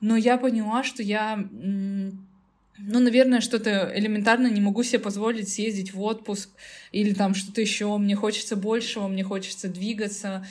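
A woman's voice: mid-range voice, fairly even intonation, normal speed, darkish tone. A woman in her mid thirties, a podcast guest, talking cheerfully and laughing often. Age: 30s. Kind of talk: casual podcast conversation.

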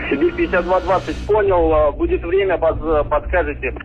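A man, an air traffic controller, giving measured instructions to a flight crew over an air-band radio link. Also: high-pitched, big pitch swings, muffled recording, over music.

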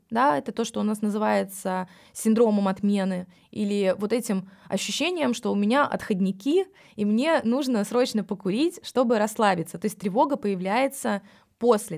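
A woman's voice: mid-range voice, gravelly, darkish tone. A woman, a psychologist, explaining things in a podcast, speaking frankly and addressing the listener directly.

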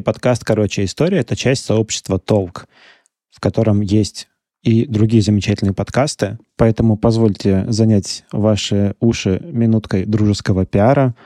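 A man co-hosting a podcast, speaking in a friendly, slightly halting way. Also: lowish voice, mellow, dry recording, clean studio sound. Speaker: podcast co-host. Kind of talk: casual podcast talk.

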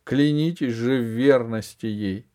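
A man's voice: mid-range voice, unhurried, warm tone, natural voice. A man reading an audiobook, voicing a proud, imperious empress who speaks with haughty command. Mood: solemn.

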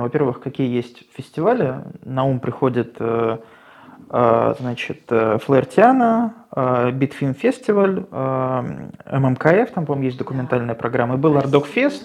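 A man's voice: mid-range voice, darkish tone. A man hosting a podcast interview, asking questions methodically and thinking aloud as he lays them out. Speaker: podcast host.

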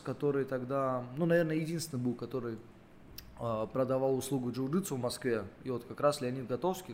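A man in his late twenties talks as an interview guest, rambling through his explanations with lots of filler words. His voice sits at an ordinary middle pitch for a man. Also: a little mellow, a little hiss or hum. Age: late 20s. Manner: explains at length with many fillers. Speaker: podcast guest, jiu-jitsu athlete. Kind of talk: casual interview talk.

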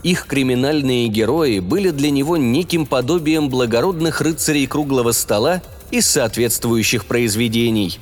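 A man narrating a scripted science fiction story in a dramatic, expressive way. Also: medium pitch, normal speed, hardly any pauses. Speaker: audiobook narrator. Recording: long reverb, music behind.

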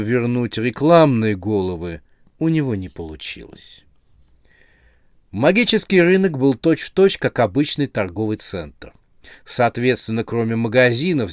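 A man narrating a horror novel as an audiobook, with lively storytelling. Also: mid-range voice, dry recording, studio quality.

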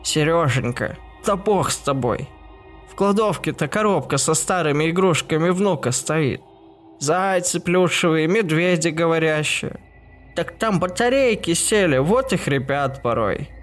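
A man's voice: a little high, animated, a little slow, faint music behind, voice pushed up. A man voicing an elderly landlady with a crackly, aged voice, fussy and fearful. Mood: soothing. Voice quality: crackly old voice.

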